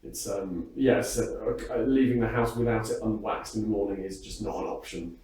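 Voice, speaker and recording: Recorded from afar in an echoing room, a British singer and entertainer talks backstage at a music hall in a fairly low, darkish voice. His intonation stays fairly even and his speed normal as he rambles casually, hesitating often and playing himself down.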